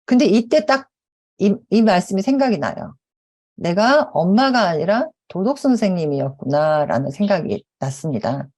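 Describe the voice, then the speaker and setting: A middle-aged woman speaking at a conference, telling personal stories in a lively way and acting out quotes. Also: mid-range voice, normal speed. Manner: animated storytelling with acted quotes. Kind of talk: conference talk. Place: conference hall.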